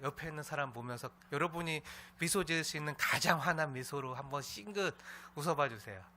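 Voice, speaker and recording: Male pastor, sermon delivery, bright ringing tone, pitched a bit high, affirming "ne" fillers, faint hiss behind. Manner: warm storytelling with frequent "ne" fillers and scolding imitations. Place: church sanctuary with congregation.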